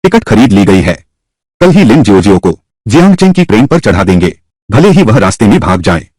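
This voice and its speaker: A man playing a harsh, scheming middle-aged mother in a dubbed drama, who commands and threatens. The low voice swings widely in pitch and sounds close and dry. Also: very animated, fairly quick, darkish tone, no echo. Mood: threatening.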